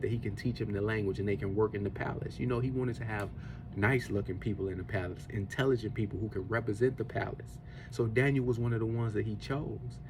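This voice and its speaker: Over a noisy background, a man in his forties talks at medium pitch. He hosts a podcast, and here he gives an earnest, preachy faith-based monologue meant to motivate, centered on discipline and eating and circling the same points throughout.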